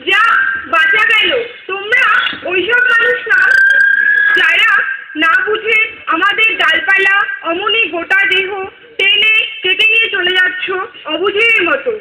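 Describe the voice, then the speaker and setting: A woman acts out a sorrowful female nature spirit in a stage play, her voice pitched extremely high as she laments and lectures in rhyming verse. The sound is roomy and echoey, like a hall. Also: a little slow, very noisy. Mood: tearful pleading. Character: grieving female nature spirit, river and tree.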